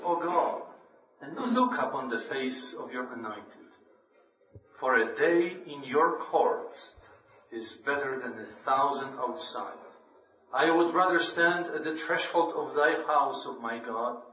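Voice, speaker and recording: A man's voice: mid-range voice, fairly bright tone. Man preaching in a roomy hall. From Poland. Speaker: lay preacher at a church meeting. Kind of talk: scripture reading and devotional talk. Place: church meeting hall. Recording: roomy, distant, dull church recording.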